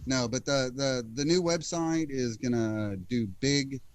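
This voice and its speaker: A man co-hosting a relaxed podcast over a video call. He keeps things joking and stumbles over repeated words as he warms into a sentence. His pitch sits in an ordinary middle range. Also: measured pace, background noise. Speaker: podcast co-host. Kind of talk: casual chat.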